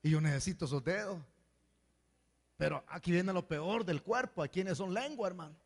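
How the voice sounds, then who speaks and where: A man preaching a sermon as pastor, with animated asides where he mimics complaining people. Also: sits high, moderate pace. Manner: preaching with acted asides in mocking voices. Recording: hall reverb.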